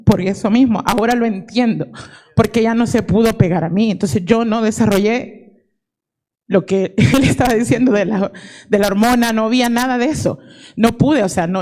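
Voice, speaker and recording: A woman's voice: mid-range voice, mellow. A woman in her forties giving an earnest personal testimony at a conference, dropping English words into her Spanish. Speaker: audience member giving testimony. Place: conference hall.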